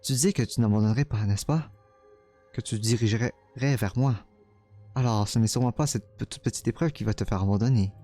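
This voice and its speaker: A man's voice: medium pitch, dark tone, faint music behind, close to an everyday voice. A man voicing a cruel, taunting young female witch spirit while reading a game's dialogue aloud. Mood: mocking. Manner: mocking, teasing, slow and menacing.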